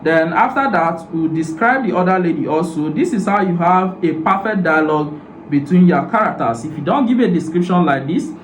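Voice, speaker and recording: Tutorial host, man, slightly high voice, step-by-step delivery, roomy room echo. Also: animated, normal speed. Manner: step-by-step, repeats "so" and "now". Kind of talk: screen-recorded software tutorial. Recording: roomy echo, faint ambient noise.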